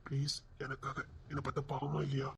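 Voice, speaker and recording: An eager young lover, played by a woman, who keeps coaxing and reassuring. The voice is low and very husky, and it talks quickly. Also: monotone, full character voice.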